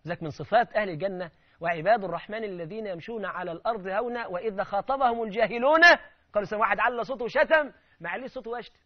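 A man with an Egyptian accent delivers a sermon at a rapid, fervent clip, his voice pitched high. He acts out the people he quotes with sudden loud outbursts. The sound is dull and lo-fi. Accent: Egyptian Arabic. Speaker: preacher.

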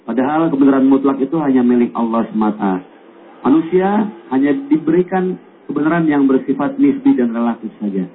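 A man hosting a radio call-in show, taking calls briskly and joking with callers. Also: medium pitch, lively intonation. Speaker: radio host. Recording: tinny lo-fi radio with faint noise.

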